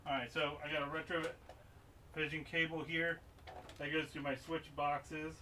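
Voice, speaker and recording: A man's voice: fairly high pitch, little pitch movement, moderate pace, bright, forceful tone. Guy on a live stream fixing consoles, talking to himself, sounds kinda far from the mic. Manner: talks to himself as he works, mumbling asides. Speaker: streamer repairing game consoles. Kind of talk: casual live-stream chat while working. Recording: voice a bit far from the mic, faint noise behind.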